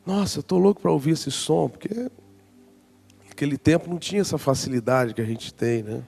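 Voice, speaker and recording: Gravelly-voiced pastor in his forties. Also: on the high side, fairly quick, soft background music. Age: 40s. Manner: lively storyteller acting out his own past reactions. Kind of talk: storytelling sermon. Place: church conference hall.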